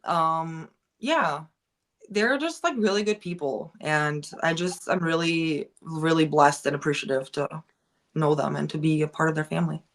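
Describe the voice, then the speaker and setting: Speaking at a moderate pace in a low register, a woman from the United States appears as a guest on an informal podcast. She rambles openly, peppering her talk with "like" and restarting her thoughts often.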